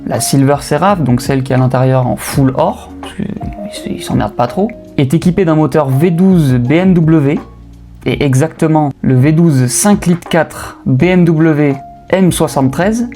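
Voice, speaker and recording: A man's voice: fairly high pitch, unhurried, dark tone. Young Frenchman, slangy car chatter. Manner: slangy and joking, with filler hesitations. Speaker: car channel host. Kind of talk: casual voice-over commentary. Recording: faint music bed behind voice. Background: faint lofi music.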